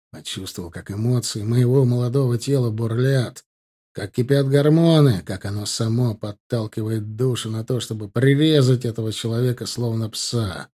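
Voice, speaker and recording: Male audiobook narrator, dark mellow tone, cold and grim, steady scripted first-person reading. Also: medium pitch, slightly rough.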